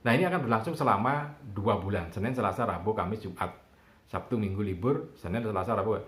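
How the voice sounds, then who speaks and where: A man teaching public speaking, promoting an online course, talking in an unhurried, explanatory way with frequent fillers. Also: fairly low pitch. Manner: unhurried explanatory talk with frequent "nah" and "gitu ya". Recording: roomy echo.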